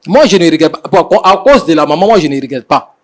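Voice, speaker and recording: Man, young adult, slightly high voice, fast talker, defensive, halting, repetitive. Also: lively intonation. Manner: defensive, halting, repeating himself. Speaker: husband being mediated. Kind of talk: defensive explanation on a mediation show.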